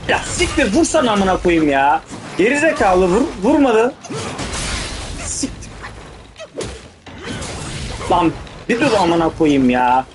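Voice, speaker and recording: A man commentates casually on a video game. He talks in rough street slang with heavy swearing and breaks into urgent, excitable bursts. Music plays behind him. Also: sits high, slow pace, pauses often. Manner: excitable, blurts urgent outbursts. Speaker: gaming video host. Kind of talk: casual live gameplay commentary.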